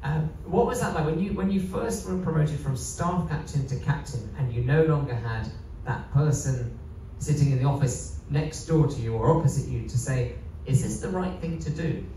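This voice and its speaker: Echoey, mellow-voiced male cruise director interviewing. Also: a little high, moderate pace, few pauses. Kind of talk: live onstage interview. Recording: echoey room, distant mic, faint noise.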